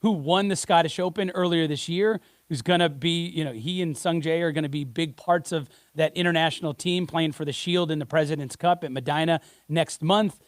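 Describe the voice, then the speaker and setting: A man hosting a golf talk show, chatting casually and quickly with fillers, running through the week's storylines. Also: on the high side, dry recording. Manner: quick, conversational, lots of "you know".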